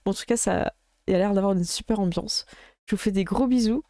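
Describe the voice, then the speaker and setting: Warm-voiced chatty woman streamer. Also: mid-range voice, no room sound, studio quality. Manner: chatty, halting, many fillers. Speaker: game master and streamer. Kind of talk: casual chat closing a live stream.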